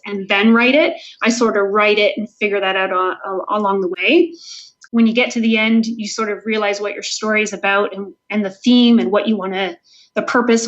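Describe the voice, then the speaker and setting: A Canadian-accented woman with a mid-range, slightly bright voice speaks casually and earnestly as a guest author in an interview, thinking aloud as she goes. The audio is dull and lo-fi.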